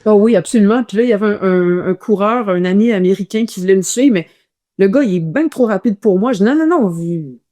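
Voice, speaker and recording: A woman with a Quebec French accent, a runner telling a guest's stories in a casual interview, animated and full of restarts. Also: mid-range voice, quick pace.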